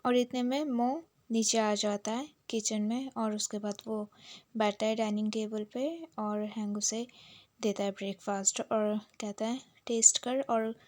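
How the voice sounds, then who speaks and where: A woman's voice: mid-range voice, a little mellow, dry recording. A woman narrating a casual, chatty, plot-by-plot recap of a romance series.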